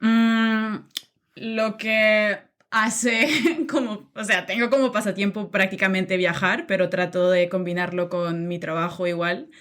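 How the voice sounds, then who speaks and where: In a laid-back interview chat, a young woman from Nicaragua shares stories of her life as a podcast guest. She speaks unhurriedly in a mid-range voice, fills gaps with frequent "am" and "em" sounds, and laughs readily.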